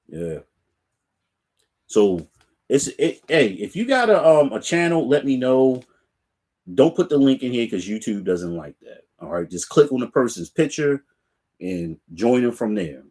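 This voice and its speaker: A man's voice: mid-range voice, sing-song, slow pace, long pauses, darkish tone, breathy edge. A middle-aged man hosting his sneaker channel, chatting casually and laid-back with viewers from a room full of shoe racks. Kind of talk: casual live chat to viewers.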